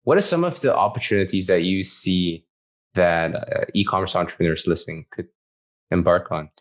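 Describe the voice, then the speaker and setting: A man's voice: sits low, moderate pace. A man from Malaysia hosting a casual podcast interview, hesitant, with restarts and fillers. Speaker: podcast host.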